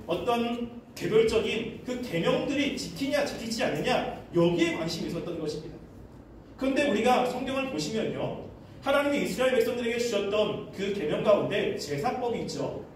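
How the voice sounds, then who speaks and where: A man's voice: high-pitched, a little mellow. A male pastor preaching to a young adult congregation, reading scripture aloud and asking rhetorical questions. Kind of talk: sermon. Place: church hall. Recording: echoey church hall mic from a distance with faint noise.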